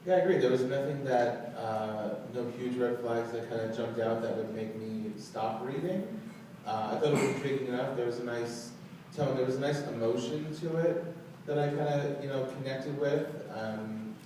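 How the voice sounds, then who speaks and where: A man's voice: medium pitch, moderate pace. A man, a literary agent on a panel, speaking casually with many fillers. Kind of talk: panel discussion. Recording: echoey room, distant mic, audible noise.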